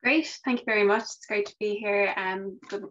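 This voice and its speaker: A woman's voice: mid-range voice, steady tone, normal speed. Woman presenting over a video call. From Ireland. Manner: warm conversational presenting with fillers. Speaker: research and policy manager presenting. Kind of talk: online conference presentation. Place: home office, indoors. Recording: muffled video call audio.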